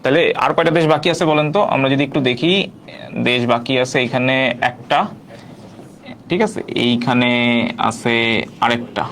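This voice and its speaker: Man, online quiz teacher, repeats questions, mid pitch, faint background noise. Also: unhurried, long pauses, fairly bright tone. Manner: repeats questions, prompts viewers to answer.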